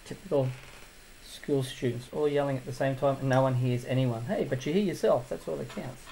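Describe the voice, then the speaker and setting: A man's voice: medium pitch, a little fast, gravelly, mellow, slight background noise, low-quality recording. A man giving a casual hands-on tutorial as he builds a drone, thinking aloud and drifting into asides.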